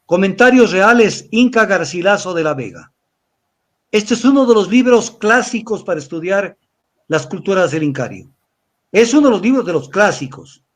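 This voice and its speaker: An older man from Ecuador delivers a weekly analysis in a lecturing tone. His voice sits high for a man, and he repeats phrases and spells out letters as he explains. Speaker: commentator.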